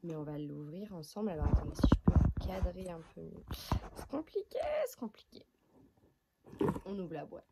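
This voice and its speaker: A woman's voice: low-pitched, brisk, gravelly, few pauses, heavy background noise. A young woman vlogging from her bedroom about her skincare routine, chatty, frank and self-mocking, sometimes dropping into a whisper. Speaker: beauty vlogger. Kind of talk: casual vlog chat to camera. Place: bedroom at night. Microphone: handheld phone camera without tripod.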